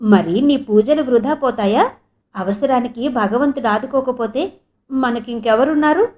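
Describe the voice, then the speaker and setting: A woman's voice: a little high, measured pace, a little mellow, natural voice. A woman reading an audio novel voices a frail young woman who talks in weak, anxious, pleading questions. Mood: relieved. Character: frail young woman waking dazed and frightened.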